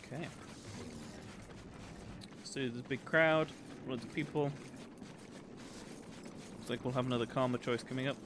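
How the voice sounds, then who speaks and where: A man's voice: mid-range voice, fairly even intonation, normal speed, pauses often. Man casually commentating over game noise. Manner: chatty, explanatory. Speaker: video game streamer. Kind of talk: casual livestream gameplay commentary. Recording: game ambience noise behind voice. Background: video game ambience.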